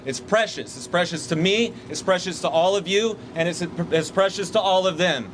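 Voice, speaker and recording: Union leader rallying workers outdoors; higher-pitched man, fired up. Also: moderate pace, fairly bright tone, a little hiss or hum. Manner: rousing, call-and-response chanting. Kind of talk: rally speech. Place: outdoors by hotels.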